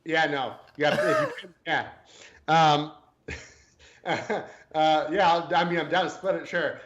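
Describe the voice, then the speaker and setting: A man co-hosting a casual sports podcast, his voice sitting a little high. He talks in a hesitant, joking way, often restarting his sentences. The recording sounds dull and lo-fi. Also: big pitch swings, slow, fairly bright tone. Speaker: podcast co-host.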